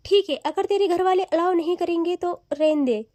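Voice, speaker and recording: A teasing young woman who whines and pleads with her best friend in a high, warm voice, as a woman narrator puts her on. Her talk is chatty and playful in a storybook audio drama, recorded close and dry. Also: normal speed, dry recording. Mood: pleading, teasing.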